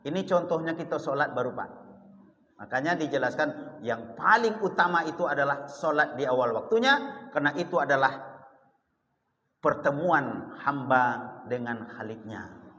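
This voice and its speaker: Preacher in a reverberant mosque hall. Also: male voice, mid-range voice, a bit bright. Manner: asks the congregation questions, acts out dialogue. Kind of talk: mosque sermon.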